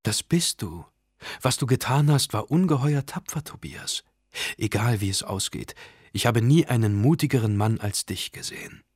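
A man's voice: fairly low pitch, normal speed, a little mellow, husky, dry recording, clean studio sound. A man reading as Katrin, a brave young woman. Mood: reassuring. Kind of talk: audiobook dialogue reading.

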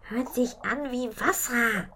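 A woman voicing an excitable, anxious young girl in a children's story, high and loud. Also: slow, background noise. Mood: worried.

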